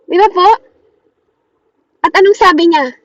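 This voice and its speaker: A woman preaching a daily devotion in an earnest way. She keeps checking in with listeners through short rhetorical questions and slows down on quoted verses. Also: extremely high pitch, a bit bright, dry recording, highs cut off.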